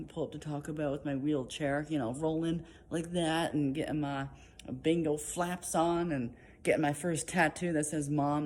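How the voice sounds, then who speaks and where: A man's voice: mid-range voice, darkish tone, slight background noise. A young comedian in his twenties, chatting casually to camera with lots of fillers and apologies. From Pacific Northwest US. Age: 20s. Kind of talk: casual direct-to-camera audition.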